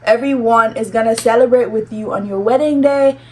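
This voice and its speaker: A woman's voice: fairly high pitch, normal speed. A young woman chatting casually on her vlog, giving advice and checking in with "okay?" often. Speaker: vlogger. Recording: distant mic with faint room noise.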